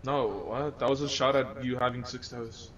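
A man's voice: mid-range voice, flat delivery, moderate pace, muffled recording. A man playing a game with a friend, teasing and chatting casually. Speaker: co-player. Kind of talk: casual gameplay chat.

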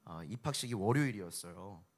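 A man, an evangelist, telling an emotional testimony on a concert stage, with vivid storytelling that swings between hushed and loud. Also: lowish voice, lively intonation, brisk.

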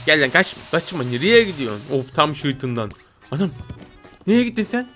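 A young man giving playful, excitable commentary while playing a video game, often jumping to high squeals. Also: moderate pace, soft background music. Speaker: gameplay streamer.

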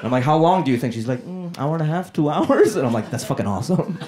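A man in his thirties doing a stand-up comedy set on a club stage with a handheld mic, animated and working the crowd. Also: a little high, fast talker. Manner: animated, crowd work, acts out voices. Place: comedy club stage before a laughing audience. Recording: live club recording with loud crowd laughter.

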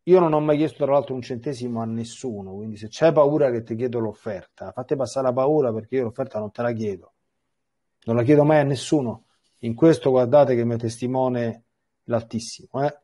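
A man, a priest, teaching a biblical catechesis, reading scripture aloud and commenting on it in an animated, digressive way with stammered restarts. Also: medium pitch, a little fast.

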